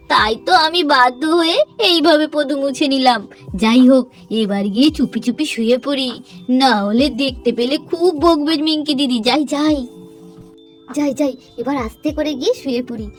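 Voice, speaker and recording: A woman voicing a sneaky little creature in a doll play, muttering furtively to itself. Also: high-pitched. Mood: pleased.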